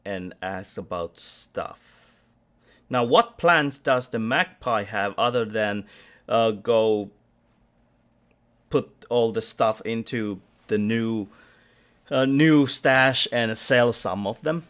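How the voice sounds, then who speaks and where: Here a man runs a tabletop role-playing game as its game master, his narration meandering with frequent restarts and fillers. He speaks slowly, at a medium pitch, with a fairly bright tone.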